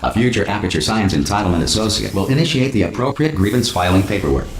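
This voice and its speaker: An actor playing a calm, cheerfully callous recorded announcer in a video game, giving formal instructions in an unflappable deadpan. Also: male voice, fairly low pitch, fast talker, background noise. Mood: deadpan reassuring. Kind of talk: scripted public-address announcement in a video game. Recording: echoey announcer sound, game music behind.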